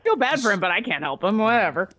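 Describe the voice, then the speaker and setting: A woman playing a tabletop game, describing her character's actions in an animated way with many fillers. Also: mid-range voice, quick pace, crowd noise. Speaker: player. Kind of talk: tabletop role-play.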